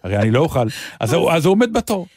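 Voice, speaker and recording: A man co-hosting a podcast in casual chat, animated and given to lively quoted outbursts. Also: a little high, no room sound, clean studio sound. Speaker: podcast co-host.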